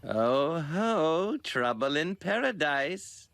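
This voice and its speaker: An actor voicing a smug, awkwardly suave rich ex-suitor in a cartoon. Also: male voice, on the high side, sing-song, drawn-out words, creaky, a bit bright, dry recording, full character voice. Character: smug rich nerdy ex-suitor, middle-aged man.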